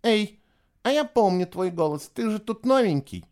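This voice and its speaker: A man doing a high, scornful girl's voice. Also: expressive, normal speed, smooth. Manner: sharp and mocking. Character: bossy, scornful girl trick-or-treater.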